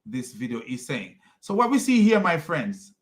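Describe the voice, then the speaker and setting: Here the religious commentary host, a Jamaican man, rants scornfully in his online video, mocking his target with insult after insult and rambling through many restarts. His voice is a little high and very animated, at a moderate pace.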